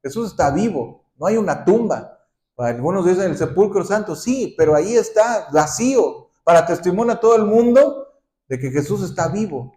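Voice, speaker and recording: A man pastor preaching a sermon, often asking the congregation questions and ending points with a quick "¿sí?". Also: sits high, expressive, dark tone. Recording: roomy echoing hall.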